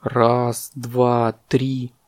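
A man's voice: mid-range voice, completely flat delivery, extremely slow. A man voicing a gloomy, sighing little male elephant in a children's story, mournful in manner.

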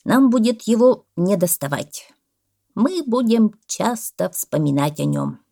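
A woman voicing a pompous male parrot who lectures loudly and exclaims often. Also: medium pitch, big pitch swings, measured pace, vocal fry, voice pushed up, heavily acted. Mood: lecturing.

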